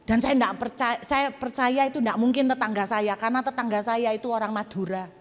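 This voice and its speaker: A woman's voice: a little high, fairly quick, in a large hall. A woman pastor preaching a sermon and telling her own testimony, acting out voices and speaking straight to the congregation. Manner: animated storytelling, acting out voices and addressing the congregation directly. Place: church hall.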